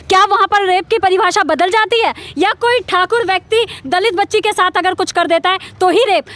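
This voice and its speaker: A woman's voice: very high voice, a bit bright. A woman in a political debate, making an earnest, insistent argument built on rhetorical questions. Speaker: debate participant.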